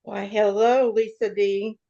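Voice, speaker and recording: A woman's voice: mid-range voice, little pitch movement, slow pace, gravelly, warm tone. Woman on dull lo-fi call audio. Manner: short friendly interjections. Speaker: panel guest. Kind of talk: casual chat.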